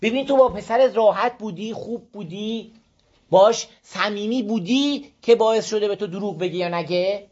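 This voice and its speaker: Speaking in a high, slightly mellow voice, an Iranian man advises a group on parenting in an informal moral talk. Stories fill his talk, and he regularly makes sure the group keeps up; the recording is dull and lo-fi.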